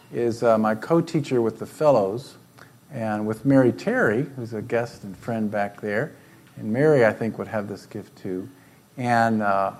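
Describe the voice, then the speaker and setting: A middle-aged man leading a church class, giving informal announcements in halting phrases with pauses. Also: medium pitch, darkish tone.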